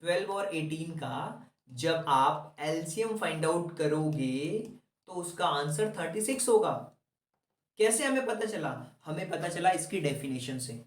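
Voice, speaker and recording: Man teaching maths, quizzing the class, roomy echo, distant mic. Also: high-pitched. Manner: asks questions and answers them for the students.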